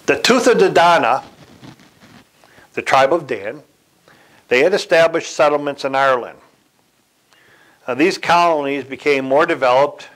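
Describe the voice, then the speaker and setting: A man giving a sermon in a deliberate way, pausing, correcting himself and chuckling now and then. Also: a little high, fairly bright tone, low-quality recording. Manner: slow, deliberate delivery with occasional chuckles and self-corrections. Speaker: church speaker.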